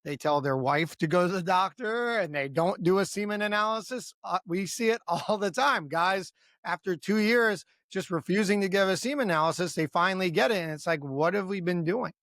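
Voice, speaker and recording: A man's voice: high voice, fairly quick, a bit bright, no echo, studio quality. A man co-hosting a podcast as a physician, talking in an earnest, emphatic and casual way.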